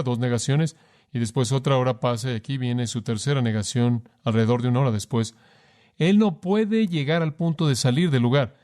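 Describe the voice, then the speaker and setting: A male preacher delivers a sermon at a middle pitch, pressing each point with emphasis. He turns often to his listeners with direct rhetorical questions, leaning hard on key words. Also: darkish tone. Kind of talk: sermon, voiced in Spanish.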